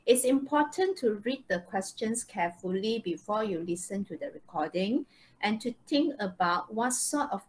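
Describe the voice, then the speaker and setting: This mid-range female voice comes through on a low-quality recording. She's an English teacher with a Malaysian accent giving a live online lesson from indoors over a video call, often checking in with questions and tag words like "okay" and "right."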